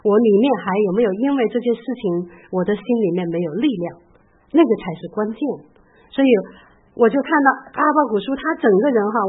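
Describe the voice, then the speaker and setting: A woman's voice: on the high side, husky. A middle-aged woman pastor giving an earnest, emotive sermon and slipping English words into her preaching. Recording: phone-like narrow band.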